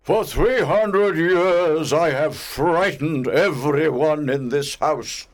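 A man voicing an angry, vengeful old male ghost nobleman in a theatrical, booming, slow manner. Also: lively intonation. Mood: bitter.

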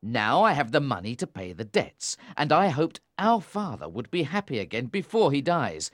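A cold, scornful young man, read by a woman putting on a low voice in a storybook recording. He talks with a hard, commanding edge and swings widely in pitch. The sound is dry and close. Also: sing-song, moderate pace, fairly bright tone, no echo, exaggerated voice. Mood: angry. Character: stern young man, cold and harsh brother.

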